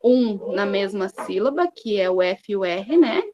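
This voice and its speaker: Brazilian woman, teacher, recorded lesson, unhurried delivery, drawn-out syllables, frequent check-ins with students. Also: mid-range voice, lively intonation, highs cut off, crowd noise. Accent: Brazilian Portuguese.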